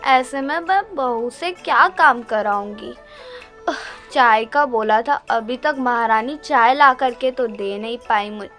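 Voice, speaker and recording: Coughing mother-in-law played by a woman, scolding, slow, high-pitched, comic family skit. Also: faint music behind. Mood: grumbling. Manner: complaining, scolding, calls out loudly. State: coughing, sore throat. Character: nagging older mother-in-law with sore throat.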